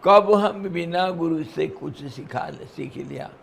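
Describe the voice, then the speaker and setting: A man speaks as a swami in a devotional discourse, with very slow, drawn-out phrasing and long pauses. His voice sits a little high and has a gravelly edge. He chuckles between points and mixes chanted verses into the talk, over a faint hiss. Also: a bit bright. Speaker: swami giving a scripture discourse.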